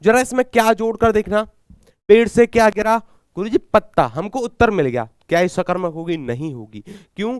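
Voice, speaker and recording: A fairly high, clean-toned voice with a touch of a sore throat belongs to a Haryanvi-accented Hindi teacher running a live exam-prep class. He quizzes students and supplies the answers, repeats the key terms, and calls himself guruji, heard in a dry, close recording.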